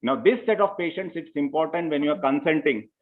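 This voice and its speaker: A surgeon with a highish voice speaks briskly while delivering a conference lecture on medicine. He works through the material methodically, step by step, often dropping in "you know." The audio comes over a remote call line and sounds tinny, like a phone.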